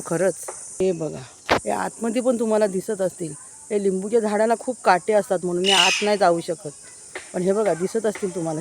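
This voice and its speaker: A woman's voice: mid-range voice, a little mellow, slight background noise. Chatty woman giving an outdoor garden tour. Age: adult, married. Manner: chatty, keeps pointing things out to viewers. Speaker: vlogger. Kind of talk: casual walking tour vlog. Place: outdoors among village gardens and trees.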